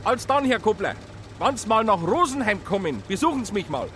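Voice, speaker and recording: Jovial, high-voiced Bavarian car buyer in a radio play. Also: male voice, very animated, normal speed, fairly bright tone, slight background noise. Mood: hearty. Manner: hearty and chatty.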